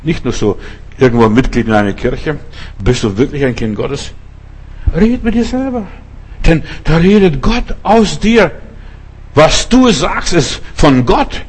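A man's voice: fairly high pitch, big pitch swings, measured pace, slightly rough. A middle-aged man from Germany preaching a sermon, telling stories emphatically and addressing the listeners directly.

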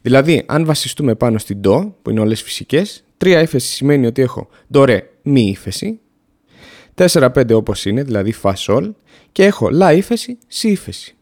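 A man's voice: mid-range voice, big pitch swings, a little mellow. A man teaching music theory in a casual podcast lesson, explaining in a plain, down-to-earth way and counting off notes and steps.

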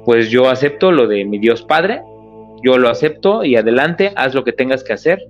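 A man with a Mexican accent voicing a gentle, forgiving male pastor in a retold anecdote, on a slightly muffled radio recording. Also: mid-range voice, expressive, normal speed, faint music behind, natural voice. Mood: resigned. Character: calm forgiving male pastor facing a gunman.

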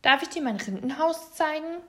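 A young bear cub from a children's storybook, eager and pleading, as a woman reader puts him on. His voice sits high and carries, as if calling to his parents. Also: lively intonation, moderate pace, bright, forceful tone. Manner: raised, calling voice.

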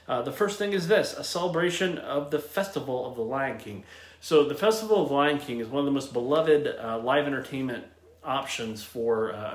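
Chatty man in an echoey room. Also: mid-range voice. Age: 30s. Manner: chatty, upbeat, many fillers and restarts. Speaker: travel agent and show host. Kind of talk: casual solo livestream talk.

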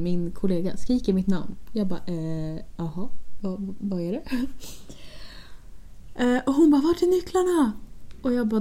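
A young woman casually telling a story, acting out what she and her friends said. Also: a little high. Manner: animated, quotes herself and friends with "jag bara".

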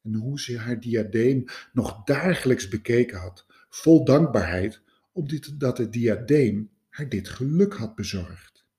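A man reads a fairy tale aloud in a warmly paced storytelling voice. His melody rises and falls widely. His pitch sits in the middle range. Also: slow. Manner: expressive, lively. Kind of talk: storybook narration.

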